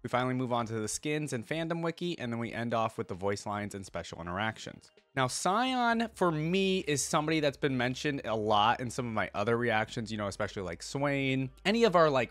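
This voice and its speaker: Hosting a YouTube reaction video, a man talks conversationally, commenting and reading lore aloud while dropping in his own reactions. His mid-range voice is a bit bright, and the recording is dry.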